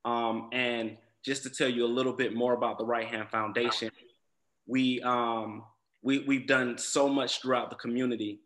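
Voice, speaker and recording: This zoning commission presentation comes from a man from Southwest Atlanta, USA, who delivers his prepared remarks earnestly but with many ums and repetitions. His medium-pitched voice is a bit bright, shows little pitch movement, and runs at a normal speed.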